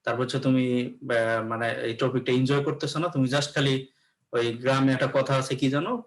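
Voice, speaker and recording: A man teaches an English lesson at a steady middle pitch. He explains things patiently and often pauses to check that his students are following. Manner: explanatory, repeats "okay" to check in. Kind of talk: classroom lecture.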